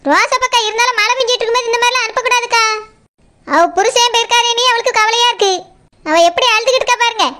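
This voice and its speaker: A woman voicing an anxious young village wife who frets quickly, with a Tirunelveli accent. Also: very high-pitched, fairly even intonation, bright, forceful tone. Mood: worried. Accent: Tirunelveli Tamil. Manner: anxious, fast, fretful.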